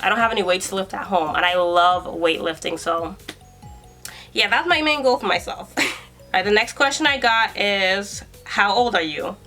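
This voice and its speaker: Bright-voiced chatty young woman. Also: on the low side. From New York. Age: 20s. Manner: chatty, breezy and self-assured. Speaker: YouTuber and hairstylist. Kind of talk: casual Q and A vlog.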